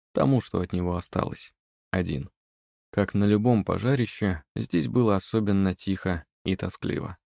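A male narrator reads a fairy tale in a calm, even manner. His voice sits low. The recording is dry and close, with no room sound. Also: creaky, no echo. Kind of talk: audiobook narration.

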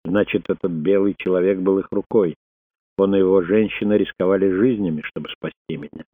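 Steady loyal tribesman, man reading him, deep voice, dry tinny audio. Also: fairly quick, no echo. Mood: firm. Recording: dry, phone-like narrow sound.

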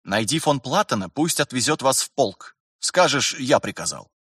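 A man voicing a gruff, weary middle-aged officer who grumbles and lectures in curt phrases. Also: medium pitch, expressive, moderate pace, fairly bright tone, no room sound, studio quality, pitched above the performer's own voice.

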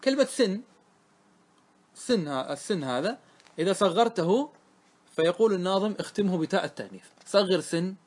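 Arabic grammar teacher reciting and explaining. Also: male voice, high-pitched, expressive, darkish tone. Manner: recites verses slowly, then explains and quizzes students. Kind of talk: classroom lesson on a grammar poem.

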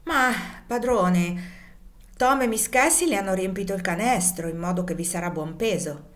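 A woman's voice: mid-range voice, animated, moderate pace, natural voice. Sambo, a spiteful fawning overseer, as a woman puts him on. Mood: sneering.

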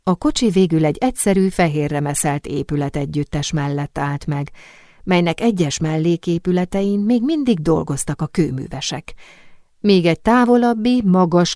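A woman reads a historical novel aloud, steady and descriptive. Her voice is low, and the recording is dry and close with no room around it. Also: dry recording. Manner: measured, descriptive storytelling. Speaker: audiobook narrator. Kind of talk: scripted narration.

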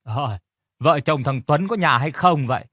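A man voicing a gruff, fatherly older village man who talks bluntly and bossily. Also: a little high, expressive, unhurried, a bit bright, no echo, studio quality, full character voice. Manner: blunt, bossy, scolding. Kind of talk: audiobook character reading.

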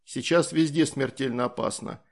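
A man reading as a calm, easygoing soldier. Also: medium pitch, normal speed, creaky.

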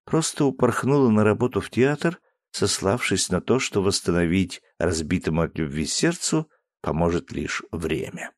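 A man's voice: deep voice, expressive, normal speed, no echo, studio quality. A man narrating an audiobook, reading expressively and voicing each character. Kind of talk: scripted narration.

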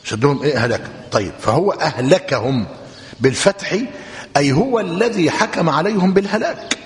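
Lively Egyptian sheikh teaching in a hall. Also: male voice, fairly high pitch, quick pace. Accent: Egyptian Arabic. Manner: lively teacherly, quizzing students, dictating notes. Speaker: sheikh teaching a book commentary. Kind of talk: classroom religious lesson. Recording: long hall reverb.

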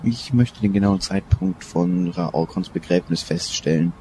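An actor playing a stern, older male Egyptologist professor in a radio play, speaking in a measured, authoritative way. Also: low-pitched, warm tone, a little hiss or hum, close to an everyday voice.

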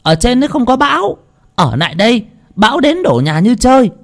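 A man voicing a frantic old village woman neighbor, shouting urgently into a deaf friend's ear. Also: extremely high pitch, sing-song, fairly quick, pitched above the performer's own voice, full character voice.

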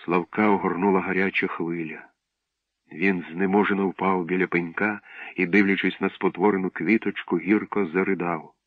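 A man with a low voice narrates a story in a measured, expressive way. The recording is dull and lo-fi, close and dry, with no room sound. He reads steadily and clearly. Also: no room sound. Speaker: audiobook narrator.

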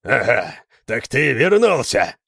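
Bellowing burly islander, rough and jovial, low voice, lively delivery, dry close sound, put on by a male narrator. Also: moderate pace, no room sound, heavily acted. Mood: boisterous. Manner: bellowing, loud and boisterous.

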